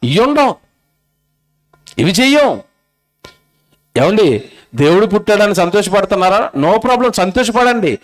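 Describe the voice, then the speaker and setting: A man's voice: high voice, animated, a little slow, pauses often. A male preacher with a Telugu accent delivers a sermon, scolding his audience with rhetorical questions. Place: convention stage.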